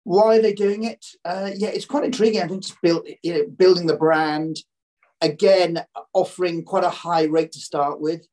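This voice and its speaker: Male financial commentator, croaky throat, conversational podcast delivery with halting restarts and repeated phrases. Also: sits high, fairly even intonation, a little mellow.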